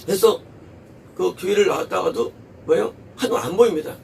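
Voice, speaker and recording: A man's voice: high-pitched, brisk, creaky, a little mellow, far from the mic, a little hiss or hum. A male pastor preaching a sermon in an emphatic way, posing rhetorical questions and repeating words for stress. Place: church.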